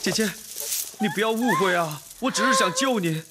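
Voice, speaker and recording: An actor playing a devoted, earnest young man who speaks softly and coaxingly, pleading with the woman he loves in a TV drama. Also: sits high, animated, moderate pace, heavy background noise. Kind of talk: TV drama dialogue. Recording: loud film score behind dialogue.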